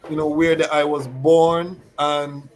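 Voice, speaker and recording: A man's voice: a little high, flat delivery, slow, low-quality recording. A man hosting a talk show, introducing his guest with formal, ceremonial phrasing and frequent fillers. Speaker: host.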